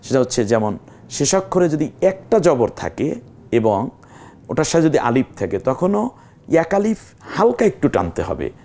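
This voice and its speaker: Slow, lively-voiced Quran teacher, a man. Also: mid-range voice. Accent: Bangladeshi Bengali. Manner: slow, patient explaining with drawn-out recited examples. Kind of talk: televised Quran recitation lesson.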